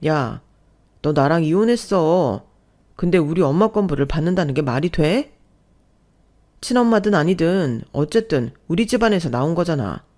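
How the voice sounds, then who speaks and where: A woman's voice: deep voice, a little mellow. A woman reading as a rude scheming ex-husband. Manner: rude, demanding, then pleading. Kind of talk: radio story reading.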